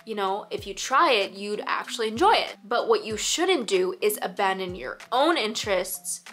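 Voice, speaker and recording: A woman's voice: medium pitch, animated, normal speed, a bit bright, soft background music. A young woman in her teens chatting casually as a host who reads confessions and gives advice, with an earnest, encouraging manner. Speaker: host reading viewers' confessions and giving advice. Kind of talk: casual advice chat and reading submissions aloud.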